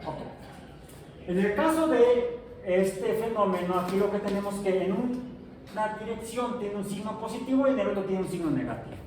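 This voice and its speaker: A man's voice: high voice, lively intonation, moderate pace, darkish tone. A middle-aged man teaching a science class, chatty and jokey, asking his students questions as he lectures. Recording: echoey classroom from far off, faint noise.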